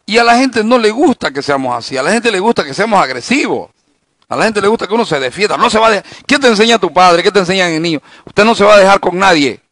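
Man pastor, Bible study sermon, fairly high voice, dry close mic, storytelling with rhetorical questions. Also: lively intonation, quick pace, a bit bright, no echo. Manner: conversational preaching with anecdotes and rhetorical questions.

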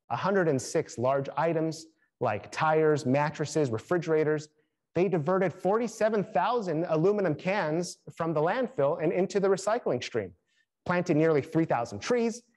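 Young man giving a scripted update. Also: fairly high pitch. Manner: steady, measured delivery listing achievements. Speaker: program director presenting updates. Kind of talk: scripted presentation to camera. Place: studio in front of a green screen.

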